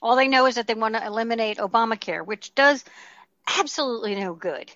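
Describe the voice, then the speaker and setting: A middle-aged woman with a fairly high voice chats about politics, filling her pauses with "um" and "you know." Her audio sounds a little dull and muffled, but dry and close. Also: fairly bright tone, no echo. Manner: chatty, frequent fillers. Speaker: podcast co-host. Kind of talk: casual political chat.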